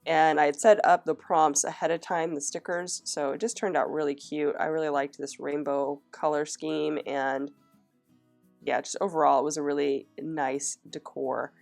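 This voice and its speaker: With soft guitar music faintly in the background, a young woman casually narrates a flip-through of her planner. A cold has left her very low voice rough and scratchy, and she talks in a chatty way, full of fillers and restarted sentences.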